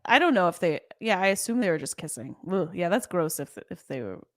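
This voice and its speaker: A young American woman co-hosting a podcast, chatting animatedly and teasing her co-host with quick laughs. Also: on the low side, sing-song, fairly bright tone, no echo, clean studio sound. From United States. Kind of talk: casual chat.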